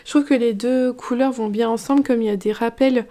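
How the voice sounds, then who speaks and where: A relaxed woman talks through her knitting in a chatty vlog. Her voice is mellow and somewhat high, and she meanders with fillers and restarts in an easy, unhurried way. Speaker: knitting vlogger. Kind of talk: casual chat.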